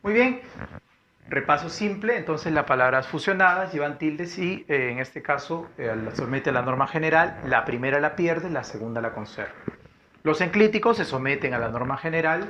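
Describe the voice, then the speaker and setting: Male teacher, patient explainer, slightly high pitch, dull lo-fi recording. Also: animated, normal speed, bright, forceful tone. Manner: explanatory, repeats key words, asks rhetorical "¿no?". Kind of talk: recorded grammar lesson. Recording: dull lo-fi recording with faint noise.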